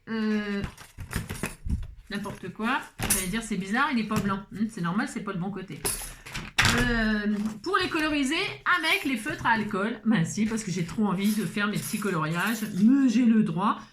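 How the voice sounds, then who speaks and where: A woman's voice: mid-range voice, lively intonation, normal speed, noisy background. A woman with a French accent hosting a casual card-making video. She talks while she works, thinking aloud with lots of fillers and jokes at her own expense. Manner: chatty, self-mocking, thinks aloud with many fillers. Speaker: craft video host. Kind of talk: casual crafting demonstration.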